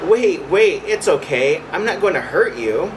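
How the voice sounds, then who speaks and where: A man's voice: high-pitched, unhurried. A man reading a picture book to young children, voicing an eager, kind young girl. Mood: urgent. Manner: lifted, expressive, questioning. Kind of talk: storybook read-aloud for young children. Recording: distant mic, clear background hum.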